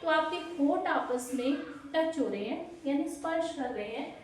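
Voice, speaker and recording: Woman teacher, exam-prep lesson, high voice, very echoey room, mic far off. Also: lively intonation, a little mellow. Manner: explains slowly, asks and answers own questions.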